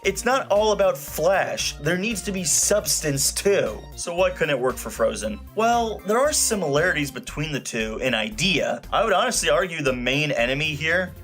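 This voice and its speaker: Over background music, a man with a fairly bright voice on the high side gives an emphatic, opinionated video review of a film. His scripted delivery is sarcastic and casually profane.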